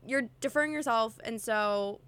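A woman's voice: fairly high pitch, normal speed, a crowd in the background. A woman co-hosting a podcast, rambling and searching for her words with lots of fillers. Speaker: podcast co-host. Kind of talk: casual conversation.

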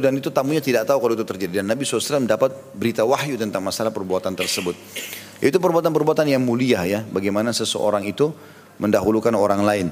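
A man giving a sermon, retelling a story with lively acted quotes and light jokes. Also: mid-range voice, in a large hall, slight background noise. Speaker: preacher.

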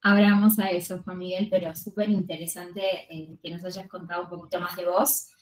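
A woman co-hosts a podcast interview. Her voice sits fairly low, and she asks her questions in a measured, curious way. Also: level tone, low-quality recording. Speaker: podcast co-host.

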